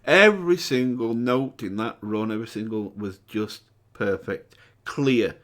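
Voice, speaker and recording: Hoarse from a cold, a man hosting a music reaction channel gives casual, excitable commentary in a croaky voice at a measured pace. He keeps breaking into high exclamations and sung demonstrations.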